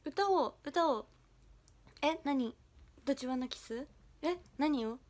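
Speaking slowly in a high-pitched voice, a young woman idol chats with her livestream viewers in a playful, bashful manner, giggling over their comments as she reads them.

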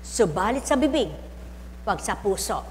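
A woman preaching as a spiritual medium to a live congregation, teasing and exhorting listeners, calling people out by name, breaking into laughter and loud exclamations. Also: medium pitch, sing-song, a little slow, in a large hall, slight background noise.

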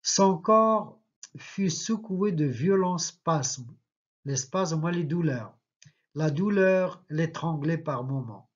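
A man, a literature teacher reading a novel aloud and pausing to explain figures of speech. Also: a little high, expressive, husky. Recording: slightly muffled lo-fi recording.

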